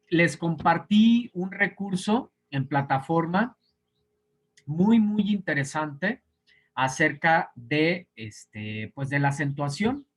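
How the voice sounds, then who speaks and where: A man's voice: fairly high pitch, a bit bright. A male teacher giving an online class lecture, explaining patiently step by step and sounding out example words syllable by syllable.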